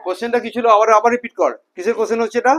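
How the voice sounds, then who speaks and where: A man's voice: very high-pitched, rapid-fire, fairly bright tone. A man teaching a class in a classroom, firing questions at his students and repeating key terms, mixing in English and Hindi. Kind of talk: classroom lecture with student call-and-response.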